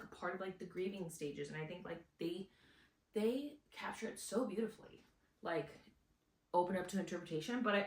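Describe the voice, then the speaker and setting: A woman's voice: mid-range voice, distant mic. Rambling woman vlogger in echoey room. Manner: rambling, emotional, swears casually. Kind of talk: casual chat to camera. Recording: echoey room, away from mic.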